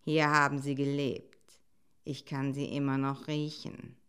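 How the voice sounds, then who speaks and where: A woman voicing a lonely, grim male wolf in a storybook, speaking in a slow, low murmur. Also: expressive, creaky, full character voice.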